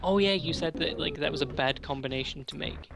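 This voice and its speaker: A man's voice: fairly high pitch, fairly quick, creaky, a crowd in the background. A man teasing a friend during a game stream in casual banter, with dry swearing remarks. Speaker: guest co-host on a game stream.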